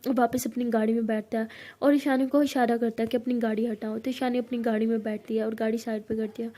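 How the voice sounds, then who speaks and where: A woman's voice: a little high, quick pace. A woman casually retelling a love story as a narrator, with lots of filler words. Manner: lively, retelling with many fillers.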